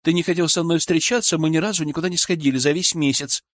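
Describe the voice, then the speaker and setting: Guy doing a stern teasing girlfriend, higher voice. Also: animated, a little fast, no room sound, studio quality. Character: young woman, stern and teasing.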